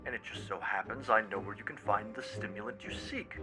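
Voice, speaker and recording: A man reading a scheming, controlling male president through a voice changer, in a formal, measured and coolly commanding way. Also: lowish voice, fairly even intonation, music in the background, pitched below the performer's own voice. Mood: cold, formal. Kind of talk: streamer voicing game dialogue.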